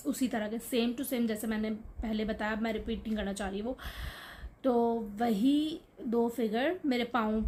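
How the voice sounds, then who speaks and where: A young woman telling her own horror story to camera in a casual vlog, animated and explaining as she goes, her voice climbing high when she relives the fear. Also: a little hiss or hum. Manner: explains with gestures, frequent "theek hai" check-ins.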